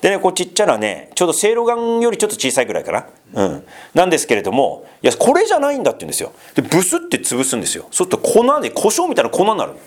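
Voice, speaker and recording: A man's voice: high voice, wildly swooping pitch, rapid-fire, hardly any pauses. A man preaching a casual, conversational sermon as pastor, full of fillers and asides, asking the congregation questions and teasing them. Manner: chatty, asks the congregation questions and teases them.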